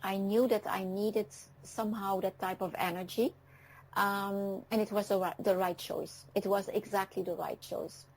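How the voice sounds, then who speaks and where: A woman in her fifties from France, raised speaking French and Dutch, talks as a guest on an internet radio show. Her mid-pitched voice has a gravelly edge of fry. She takes her time and thinks out loud, with frequent pauses and ums. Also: fairly even intonation, poor audio. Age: 50s. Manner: reflective, pausing often with ums.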